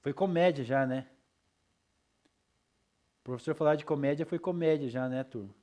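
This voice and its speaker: A man's voice: on the high side, moderate pace, mellow. A male teacher lecturing his class in a loose, chatty way, with frequent tag questions and checks for understanding.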